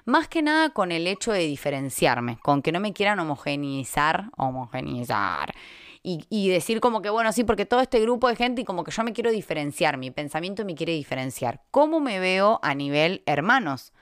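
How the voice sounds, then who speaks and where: A woman's voice: mid-range voice, sing-song, fairly quick, few pauses, clean tone, no echo, clean studio sound. A middle-aged woman with an Argentine accent, co-hosting an astrology podcast in casual, rambling chat. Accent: Argentine Spanish. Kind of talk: casual chat reading a listener's chart.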